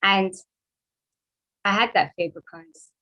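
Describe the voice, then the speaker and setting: A middle-aged woman giving a motivational talk to an audience, telling her story in a lively way, acting out the voices she quotes and asking the room questions. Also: medium pitch, takes it slowly, dull audio. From United Kingdom. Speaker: guest speaker.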